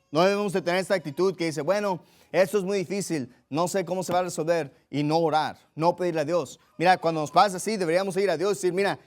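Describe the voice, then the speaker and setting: A man preaching a sermon, reading scripture aloud and then explaining it plainly. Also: on the high side. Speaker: pastor.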